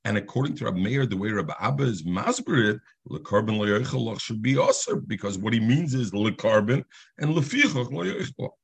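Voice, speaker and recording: A man with a low, gravelly and slightly husky voice teaches a Talmud lesson. His pitch rises and falls in a lively sing-song learning cadence as he works through the text. He weaves Hebrew and Aramaic terms into his English. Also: brisk.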